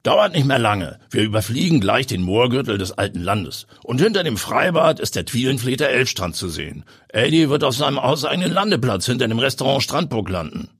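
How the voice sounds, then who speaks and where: A man voicing a confident, daring journalist and pilot who speaks in a brisk, energetic, self-assured way. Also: mid-range voice, husky, no room sound, studio quality, pitched above the performer's own voice, full character voice. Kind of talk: audiobook character voice.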